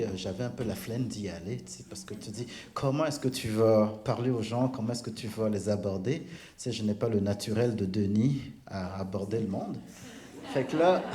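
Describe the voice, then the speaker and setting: Animated Québécois man telling a church story. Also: lowish voice, moderate pace. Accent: Québécois French. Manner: animated storyteller, laughs often, stumbles and restarts. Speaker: church member giving testimony. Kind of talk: casual spoken testimony.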